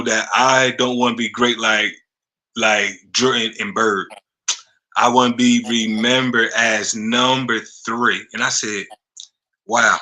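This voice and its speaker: Podcast host, man, 30s; slow, halting casual talker who repeats himself; bright, forceful tone. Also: mid-range voice, poor audio. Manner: halting, repeats words, frequent "you know what I'm saying". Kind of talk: casual interview chat.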